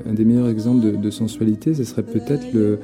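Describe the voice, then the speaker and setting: A man's voice: on the low side, steady tone, fast talker, over music. A man, a literary guest in an interview, giving an analytical answer that halts on many fillers and repeated words.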